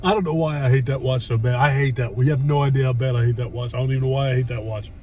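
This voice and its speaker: A man's voice: mid-range voice, fairly even intonation, racing, darkish tone, slight background noise. A man in his early fifties chatting casually while eating, chewing as he talks, in a blunt, exasperated, ranting way. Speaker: host of food review vlog. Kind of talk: casual chat.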